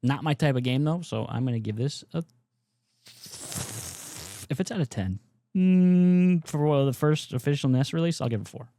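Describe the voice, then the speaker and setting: A man's voice: fairly high pitch, moderate pace, long pauses, dark tone, no room sound. A man giving loose, rambling gameplay commentary as a gaming YouTuber, swearing freely as he plays.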